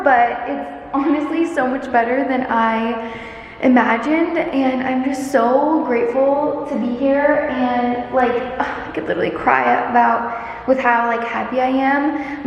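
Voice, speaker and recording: A woman's voice: fairly high pitch, darkish tone, muffled recording. A young woman vlogging casually as she shows an empty apartment on a handheld camera, chatty and gushing, full of "like" fillers. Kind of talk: casual vlog narration. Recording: echoey empty rooms, faint background noise.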